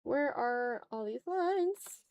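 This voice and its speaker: Her voice is high, expressive and slow, with a somewhat dark tone. As the illustrator hosting an art livestream, she draws and chats casually with her audience, joking and swearing mildly.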